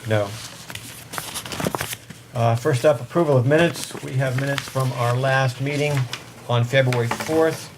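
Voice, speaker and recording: A man's voice: mid-range voice, measured pace, long pauses. Man chairing a meeting, speaking up, noisy room. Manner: speaking up to carry across the room. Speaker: select board chair running a meeting. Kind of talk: formal meeting procedure.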